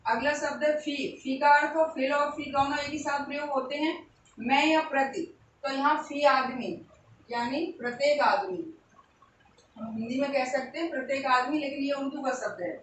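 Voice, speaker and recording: Female teacher, high voice, deliberate exam-prep delivery, faint hum behind. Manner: slow, repeats each word for emphasis. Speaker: Hindi teacher. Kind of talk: exam-prep grammar lesson. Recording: echoey room, voice a bit far from the mic.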